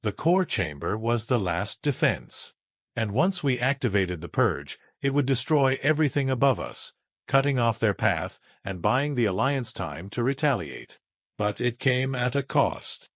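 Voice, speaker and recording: A man reading a first-person sci-fi story aloud in a measured, dramatic way. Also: medium pitch, very animated, dry recording, clean studio sound. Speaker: narrator.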